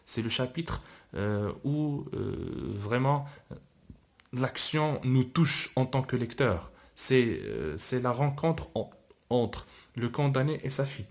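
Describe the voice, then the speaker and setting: A man with a mid-pitched voice reads a novel aloud and explains it to his students. He speaks in a hesitant, halting way, stopping often to restart his sentences. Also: animated, creaky. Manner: hesitant, with many fillers and restarts while explaining. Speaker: French teacher.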